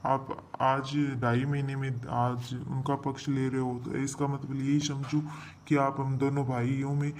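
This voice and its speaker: A man's voice: medium pitch, monotone, a little slow, a little hiss or hum, natural voice. A man playing a level-headed son and husband who persuades his mother in a reasoning way, in a comedic family skit. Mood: persuasive.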